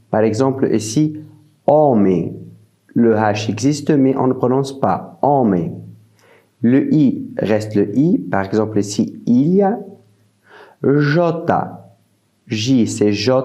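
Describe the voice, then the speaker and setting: Slow, mellow-voiced man teaching pronunciation. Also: mid-range voice, highs cut off. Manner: slow and deliberate, repeats each example word. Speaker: language teacher. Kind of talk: slow spoken language lesson.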